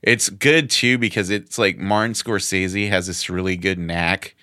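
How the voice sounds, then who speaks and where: A man reviewing the week's movies in casual talk-show chat. He speaks earnestly with stammered restarts. His very deep, smooth voice sounds bright and sits dry, right on the microphone. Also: steady tone, unhurried, dry recording. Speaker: film reviewer co-host.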